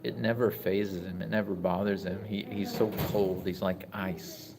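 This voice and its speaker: A man in his forties talking casually on a live stream from a hospital room, reflective and halting with many restarts. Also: low voice, flat delivery, vocal fry, noisy background. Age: 40s. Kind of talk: casual live-stream talk reading chat.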